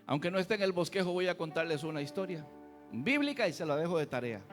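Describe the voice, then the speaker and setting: A man's voice: high voice, long reverb tail. A man preaching a fiery, folksy sermon as a pastor, full of rhetorical questions. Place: church.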